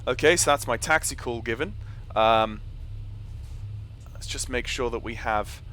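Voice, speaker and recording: A man's voice: mid-range voice, a little slow, sharp tone. A man giving casual live commentary as a flight sim streamer, thinking aloud hesitantly as he works through procedures. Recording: clear engine hum behind voice. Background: simulated propeller aircraft engine noise.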